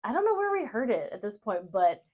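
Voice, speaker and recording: Woman crafting host, casual, rambling, self-deprecating, mid-pitched voice. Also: sing-song, fairly quick, darkish tone. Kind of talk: casual brainstorming chat while sewing.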